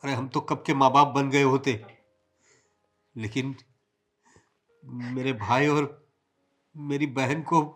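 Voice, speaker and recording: A man playing a gentle, caring husband. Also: a little high. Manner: gentle, consoling, earnest. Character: caring elder brother and husband, adult man. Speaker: elder brother and husband. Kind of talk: scripted family drama acting.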